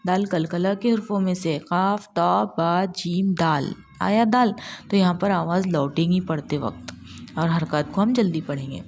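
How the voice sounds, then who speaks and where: A woman teaching Quran recitation step by step, patiently repeating syllables slowly and drawn out. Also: on the low side, darkish tone, a little hiss or hum. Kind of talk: step-by-step tajweed lesson.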